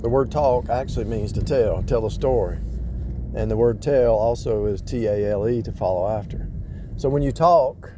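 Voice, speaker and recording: A religious vlogger with a medium-pitched voice offers casual, off-the-cuff spiritual teaching at a moderate pace. He rambles, repeating and rephrasing himself for emphasis, and there's a noisy background.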